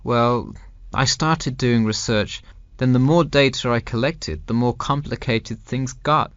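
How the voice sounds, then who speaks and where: A man's voice: mid-range voice, unhurried, no echo, muffled recording, close to an everyday voice. A man playing a university student in a scripted, carefully enunciated textbook dialogue. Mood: explaining, earnest. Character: male university student discussing his dissertation with an adviser. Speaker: student in a listening-test dialogue.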